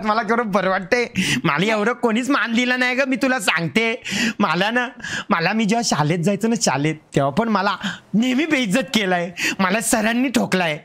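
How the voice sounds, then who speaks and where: A man playing a loud, boastful village character in a comedy roleplay game, with an Agri Koli Marathi accent and a rambling way of talking. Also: extremely high pitch.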